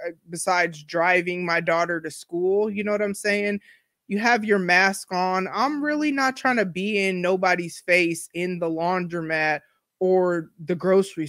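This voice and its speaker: Her lowish voice comes through a dry, studio-quality recording. She's a podcast host in her forties talking solo, and she rambles candidly in a slangy, chatty way with plenty of asides.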